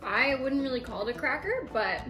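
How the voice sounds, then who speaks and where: A woman's voice: high-pitched, very animated, brisk. Chatty young woman talking with her mouth full. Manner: chatty, explains as she goes. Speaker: vlogger hosting a snack taste test. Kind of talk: casual chat. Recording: music bed under voice. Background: background music.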